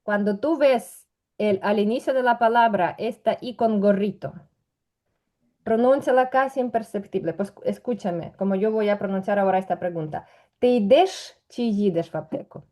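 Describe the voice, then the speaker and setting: A woman's voice: mid-range voice, moderate pace, dark tone. A woman teaching a language lesson, patiently explaining and repeating examples.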